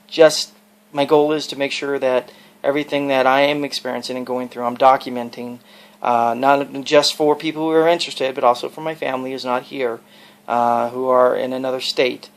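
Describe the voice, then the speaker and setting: A man records a casual, personal video log, explaining and advising as he goes. His voice is gravelly, with plenty of creak. He rambles earnestly from one point to the next. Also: medium pitch. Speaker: video blogger.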